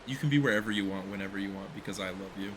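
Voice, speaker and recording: A man's voice: sits low, racing. A man streaming a video game, chatting casually and teasing with frequent laughter. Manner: playful, laughs often, teasing. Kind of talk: casual live-stream chat while gaming. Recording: noisy background.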